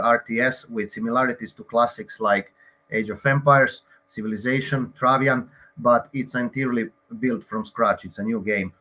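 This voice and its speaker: A man's voice: medium pitch, fairly bright tone. A man from Croatia, a game co-founder, giving an online presentation with frequent hesitations and fillers.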